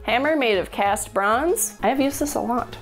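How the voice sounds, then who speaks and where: Over soft background music, a woman in her thirties hosts a casual show-and-tell, speaking at normal speed in a fairly high, expressive voice. Playful and jokey, she laughs often. She's recorded with an off-camera mic in an indoor studio with a blue wall.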